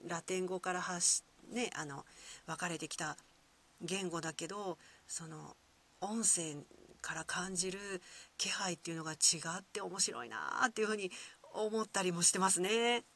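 A woman with a Kyoto accent hosting a solo podcast, musing gently with many soft fillers. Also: fairly low pitch, normal speed. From Kyoto, Japan. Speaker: podcast host.

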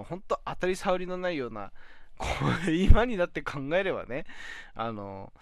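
A young man talks alone into his phone for his weekly talk show, rambling and filling pauses with hesitant ums and self-mocking laughs. His pitch swings widely between phrases. The sound is dry and close, with no room around it. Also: no echo. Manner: rambling, many fillers, self-deprecating laughs. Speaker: podcast host. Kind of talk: casual solo talk.

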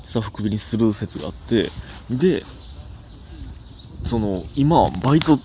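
A young man with a Kansai accent, hosting a casual solo comedy podcast, rambling and self-mocking with sudden animated outbursts. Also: on the low side, unhurried, a little hiss or hum.

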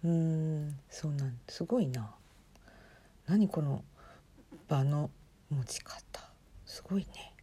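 A woman hosting a casual talk, commenting in hushed whispers while she watches a concert stream at home. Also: low-pitched, slow, pauses often, noisy background. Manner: speaks softly in hushed whispers; chatty, reacts aloud to what she sees. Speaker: podcast host watching a livestream.

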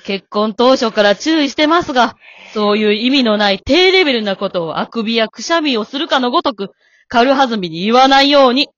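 A woman's voice: a little high, lively intonation, a little fast, no room sound, close to an everyday voice. Woman playing a stern, composed old wife. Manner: polite, cool, scolding. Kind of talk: amateur radio drama. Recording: dull dry lo-fi recording.

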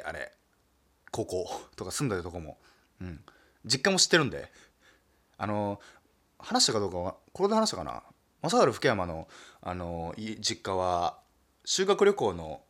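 A male comedian from Nagasaki in a relaxed, self-deprecating solo talk, chuckling often and padding his speech with fillers. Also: fairly low pitch. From Nagasaki, Japan. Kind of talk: casual solo talk monologue.

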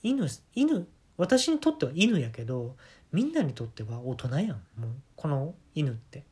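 A man's voice: on the high side, wildly swooping pitch, normal speed, dark tone. A man with a Kansai accent telling a rambling, offhand comic monologue. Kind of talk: solo comedic monologue.

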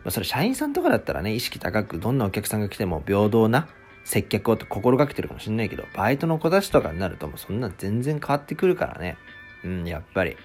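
With a fairly low, darkish voice, a man hosts a casual solo talk show, ranting in exasperation and playing out customers' lines. He is a podcast host who previously worked part-time at a restaurant.

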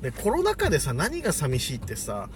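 A man from a comedy duo, casually bantering and quickly shooting down his partner's ideas. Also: on the high side, huge pitch swings, a little hiss or hum. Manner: quick teasing rebuttals. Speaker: comedy duo member co-hosting a podcast.

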